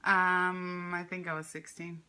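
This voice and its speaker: A relaxed woman in her twenties from Hawaii, chatting easily as an interview guest and laughing often. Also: on the low side, a little slow, clear, resonant tone. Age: 20s. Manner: relaxed, giggly, easygoing. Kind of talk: casual conversational interview.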